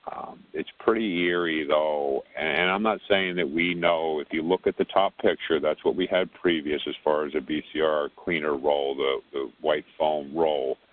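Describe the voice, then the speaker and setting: A man's voice: rumbling low, fairly even intonation, moderate pace, hardly any pauses. A man heard over the phone, leading a casual technical briefing and rambling with repeated words on a tinny phone line. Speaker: technical support lead on a conference call.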